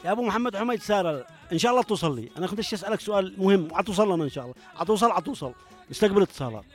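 Fast-talking Yemeni radio host, high voice. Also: male voice, expressive, faint music behind. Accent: Yemeni Arabic. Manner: fast, talks over callers. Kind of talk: live radio call-in show.

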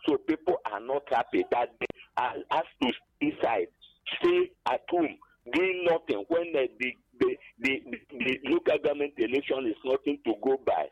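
An older Nigerian man rings in over a muffled, lo-fi phone line, his voice gravelly and swinging widely up and down. He hesitates through long fillers, then presses his complaints with growing emphasis. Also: medium pitch, huge pitch swings, no echo. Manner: hesitant, many drawn-out fillers, rising to emphatic protest. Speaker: caller. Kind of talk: radio call-in complaint.

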